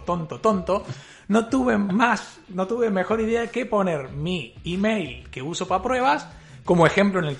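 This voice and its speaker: A man with a high, very lively voice chats casually about tech among friends. He talks in an animated, self-mocking way and breaks into laughter as his stories build. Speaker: podcast co-host.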